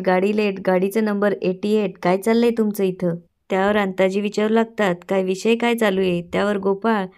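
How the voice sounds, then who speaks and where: Dark-voiced woman recapping a serial. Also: mid-range voice. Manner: reads quoted dialogue with lively emphasis. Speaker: narrator recapping a TV serial episode. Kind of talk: storytelling recap with voiced quotes.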